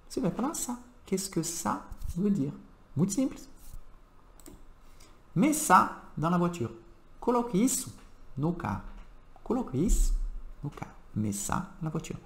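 Guy teaching, really animated up-and-down voice, kinda echoey room. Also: high-pitched. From France. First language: French. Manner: animated, emphatic teacher's delivery. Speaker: French teacher. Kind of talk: language lesson.

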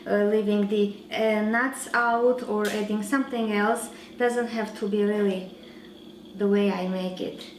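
A woman in her thirties hosting a home cooking show, giving slow, relaxed instructions with frequent fillers while she works. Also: fairly high pitch, reverberant, a little hiss or hum, low-quality recording. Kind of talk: cooking demonstration. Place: large home kitchen.

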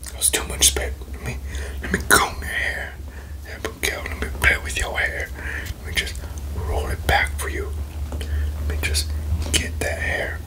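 A young man doing a playful, teasing whispered role-play for ASMR, breathy and close to the mic, with tingly wet mouth sounds. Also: poor audio. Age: young adult. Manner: playful, teasing, slow murmured repetitions. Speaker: ASMR video creator. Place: small bedroom, indoors. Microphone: close desk microphone in front of him.

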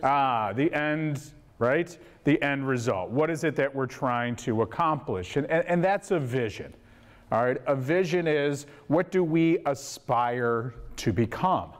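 A man with a loud, booming teacher voice leads a workshop for a school board. He speaks into a lapel mic and throws questions to the room. His voice grows louder as he gets animated. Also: unhurried. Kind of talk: interactive presentation to a meeting.

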